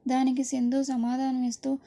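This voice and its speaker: High, flat-toned woman narrating a recap. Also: moderate pace. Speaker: serial episode recap narrator. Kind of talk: scripted narration.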